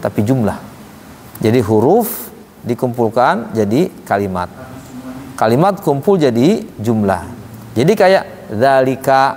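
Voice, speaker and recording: In a reverberant hall with noticeable background noise, a man teaching Quran recitation gives a casual religious lesson. His medium-pitched, darkish voice explains things conversationally, frequently posing rhetorical questions to check in.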